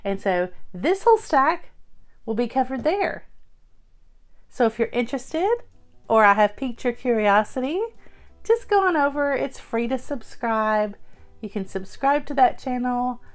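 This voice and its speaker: Her voice a little high and lively in intonation, a middle-aged woman unhurriedly presents thrift store purchases at an indoor table. The vlogger keeps the show-and-tell chatty and cheerful, leaning on plenty of fillers.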